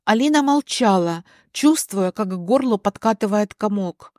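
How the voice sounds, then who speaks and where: A woman reading a scripted story aloud in a measured way. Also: mid-range voice, lively intonation, a little mellow, no echo, studio quality. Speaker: narrator.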